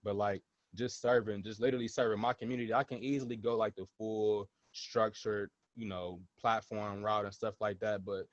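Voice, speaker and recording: Young man, podcast host, low voice, swears a lot, dull dry lo-fi sound. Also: flat delivery, normal speed, hardly any pauses, dry recording. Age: 20s. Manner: blunt, swears freely, emphatic repetitions. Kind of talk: casual interview chat.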